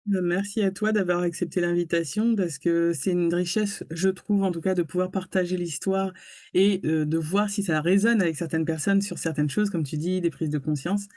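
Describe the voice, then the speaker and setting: A woman hosting an interview, speaking gently and reflectively with frequent pauses and hesitations. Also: fairly low pitch, steady tone, no echo. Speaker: interviewer and host. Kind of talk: warm interview introduction.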